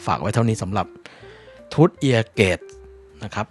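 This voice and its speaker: A man's voice: on the low side, lively intonation, measured pace, soft background music. A Thai man giving a casual spoken review of earphones, repeating points to stress them.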